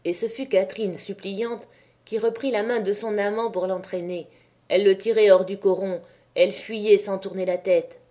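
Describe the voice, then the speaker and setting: Warm-voiced woman reading a novel aloud. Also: fairly low pitch. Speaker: audiobook narrator.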